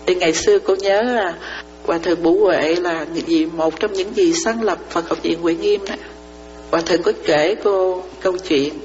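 Through parables, a Buddhist nun delivers a dharma talk to lay followers and keeps asking whether they understand. She speaks at a moderate pace in a darkish, fairly low voice. Expect a reverberant hall, dull lo-fi quality and a faint mains hum.

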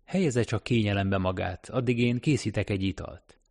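A man voicing an elegant young woman in an audiobook reading, softer and surprised. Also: on the low side, close to an everyday voice. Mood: alarmed.

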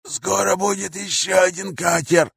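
A man's voice: high voice, steady tone, a little slow, fairly bright tone, dry recording, studio quality, voice pushed up, heavily acted. A man putting on a wheezing, terrified captive. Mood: frightened. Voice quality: wheezing, croaking. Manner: answers in short, clipped bursts. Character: hoarse, frightened male captive under interrogation.

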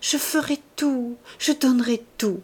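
A woman's voice: on the high side, unhurried, a little mellow, slightly rough, voice pushed up. A woman reading an audiobook, voicing a proud, powerful man who murmurs and pleads in shame. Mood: murmuring. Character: desperate, ashamed powerful middle-aged man.

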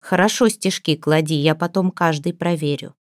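A woman's voice: low-pitched, normal speed, dry recording, clean studio sound, lightly acted. A woman voicing a stern young village healer who gives firm orders.

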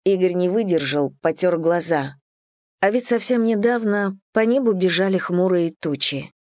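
Female audiobook narrator, low voice, measured, dry booth sound. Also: no echo. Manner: measured, steady storytelling. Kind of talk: scripted novel narration.

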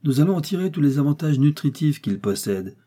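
A man voicing an excitable, cheerful male servant in an audiobook, speaking eagerly and brightly. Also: a little high, a little fast, pitched above the performer's own voice.

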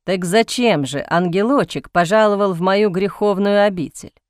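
A woman's voice: mid-range voice, normal speed, dry recording, clean studio sound, close to an everyday voice. A woman voicing a cynical aristocratic older brother who drawls with mocking sarcasm, in a storybook reading. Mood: sarcastic.

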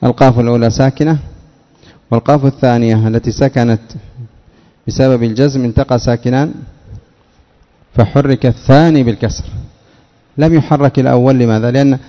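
Sheikh teaching grammar, dark mellow voice, stretches words out, long echo, muffled recording. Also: male voice, mid-range voice, steady tone. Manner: drawn-out words, quizzing listeners. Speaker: sheikh teaching Arabic morphology. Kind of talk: classroom lesson.

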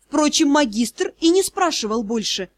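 High-voiced woman reading fantasy. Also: moderate pace, no echo. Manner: lively narration, raising her voice for the heroine's pleading lines. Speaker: audiobook narrator. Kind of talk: first-person fantasy audiobook narration.

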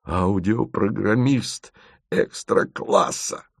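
A man voicing an excitable, pushy male boss who exclaims and shouts. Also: fairly low pitch, slow, vocal fry, no room sound, studio quality. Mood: excited.

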